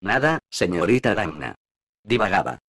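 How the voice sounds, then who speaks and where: A wounded naval captain, bitter and brooding, speaks low and dry, read by a man narrating a storybook. His lines come out heavy and sorrowful, recorded close with no room echo. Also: sing-song, moderate pace, a bit bright, exaggerated voice. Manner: gloomy, brooding delivery.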